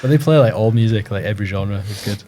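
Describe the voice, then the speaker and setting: A man's voice: fairly low pitch, fast talker, noisy background. A man who is a guest on a podcast, chatting casually with a dry, teasing humour. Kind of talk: casual chat.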